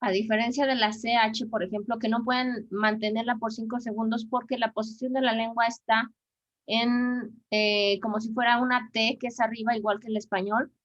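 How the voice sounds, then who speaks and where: A woman's voice: a little high, flat delivery, normal speed, no echo. A woman interpreting and explaining an English pronunciation lesson for her students. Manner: explains and repeats the teacher's points. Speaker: class interpreter and co-host. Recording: dull, dry audio.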